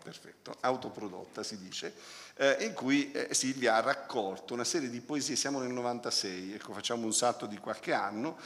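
A male critic speaks in a medium-pitched voice, working through poems in a careful, analytical way. He pauses and searches for the right word as he goes. His voice carries a long, ringing reverb from the lecture hall. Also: fairly bright tone. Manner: hesitant, searching for words; analytical, close reading of sound patterns. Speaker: literary critic presenting a poetry book. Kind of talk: spoken book presentation.

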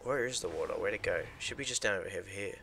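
A man chatting casually with a friend while playing a video game, teasing and quick with remarks. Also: deep voice, vocal fry, noisy background. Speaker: gamer. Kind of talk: casual gameplay chat.

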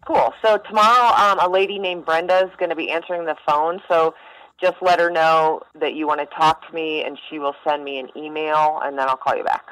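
On a casual phone call, a mental health helpline staffer speaks bluntly and informally over the telephone. Her voice is deep and fairly bright, her tone steady, her pace fairly quick, and there's no echo.

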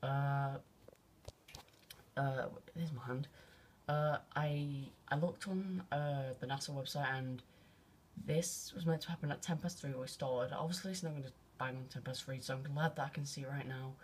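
A teenage guy excitedly narrating a quick phone video, rambling with lots of fillers and casual slang. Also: mid-range voice, slight background noise. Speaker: vlogger. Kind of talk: excited off-the-cuff phone commentary. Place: at home by an open window at night. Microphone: phone held out of a window.

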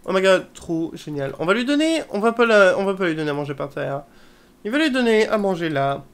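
A woman's voice: mid-range voice, sing-song, fairly quick, clear, resonant tone. A woman chatting casually as she plays a life-simulation game, swearing and dropping English exclamations. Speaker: video game let's player. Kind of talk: casual gameplay commentary.

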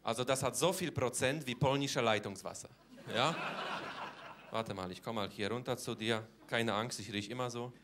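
Doing stand-up in character, a man plays a cheeky, boastful Polish man with a Polish accent, speaking broken German and ending almost every line with a question. His mid-range voice moves at normal speed, lightly acted, with background noise behind it.

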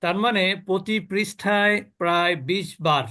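High-voiced man teaching pronunciation patiently. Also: sharp tone. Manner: patient, repeats key points and quizzes students; demonstrates letter sounds slowly. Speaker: Quran recitation teacher. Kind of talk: online tajweed class.

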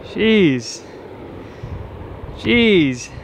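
A man's voice: sits high, very animated, extremely slow. Upbeat vlogger man on a windy beach. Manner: upbeat, chatty, teasing. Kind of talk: casual travel vlog chat.

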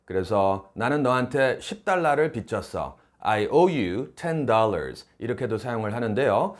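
A man teaching English phrases on video, saying each phrase slowly and clearly as he explains it. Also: mid-range voice. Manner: lively, drawn-out demonstration of each phrase.

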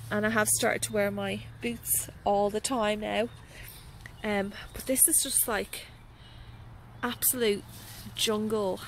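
Filmed on a handheld phone camera outdoors, an Australian woman who vlogs about gardening gives an enthusiastic, casual tour of her garden, saying um a lot. Her voice is mid-range, over slight background noise in a rough recording.

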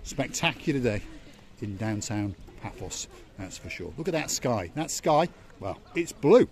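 A man's voice: medium pitch, sing-song, a little slow. Older man chatting through a seaside vlog. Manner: chatty, joking tour-guide patter. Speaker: vlog host. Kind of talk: casual walking vlog narration. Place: outdoors by a seaside harbour promenade. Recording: faint outdoor noise.

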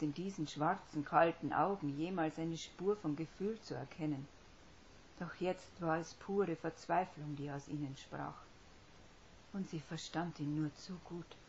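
A woman reads a story aloud, with a low pitch and a steady, measured delivery. The recording sounds somewhat dull and lo-fi. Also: a little hiss or hum. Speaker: audiobook reader. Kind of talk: scripted fiction narration.

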